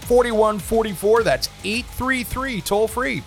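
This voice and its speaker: A man's voice: high voice, a little slow, faint music behind. Chatty home improvement radio host, man. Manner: chatty, relaxed, many "uh" fillers. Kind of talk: casual product talk on radio show. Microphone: studio microphone.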